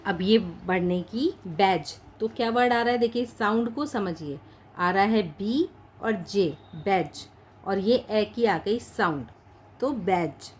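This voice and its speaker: A woman teaching a shorthand lesson in Hindi mixed with English words. She speaks patiently, slowly says each practice word and repeats it. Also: mid-range voice, expressive, a little hiss or hum. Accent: Indian English words mixed into Hindi.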